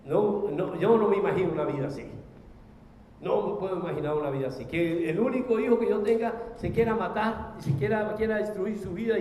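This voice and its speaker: A man's voice: sits high, mellow. A man preaching a sermon, impassioned and full of rhetorical questions. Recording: echoey hall, faint noise.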